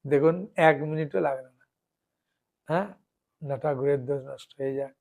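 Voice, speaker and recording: A man, a monk preacher, giving a devotional sermon, often checking that his listeners understand and reciting names slowly one by one. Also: medium pitch, steady tone, gravelly, darkish tone. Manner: keeps asking listeners "understood?".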